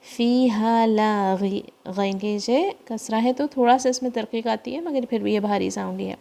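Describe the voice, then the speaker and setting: A woman teaching Quran recitation, explaining pronunciation rules in with English words mixed in and slowly repeating each word to demonstrate. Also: on the high side, vocal fry, dark tone. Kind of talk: tajweed lesson, explaining then reciting slowly.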